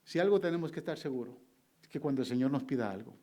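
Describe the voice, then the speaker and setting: A man's voice: medium pitch, animated, fast, mellow. A male pastor preaching a sermon, telling a personal story and acting out his dialogue with God.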